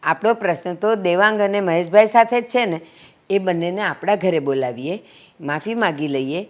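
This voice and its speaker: A woman's voice: on the low side, normal speed, close to an everyday voice. A woman playing an older mother who heads the family, making peace and lecturing earnestly. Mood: calm persuading. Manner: earnest, scolding when roused. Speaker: family matriarch. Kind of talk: family drama acting.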